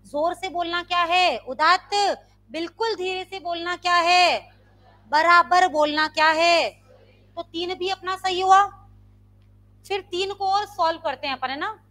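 A very high-pitched woman speaks a little slowly, with fairly even intonation, as she teaches Sanskrit grammar in a live online session. The Indian teacher quizzes her students with repeated questions and demonstrates loud and soft sounds.

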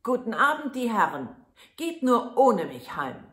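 A woman voicing a tiny, sly, mischievous boy in a storybook reading, in a high, loud, teasing voice. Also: expressive, normal speed, lightly acted. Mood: loud, mocking. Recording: echoey room.

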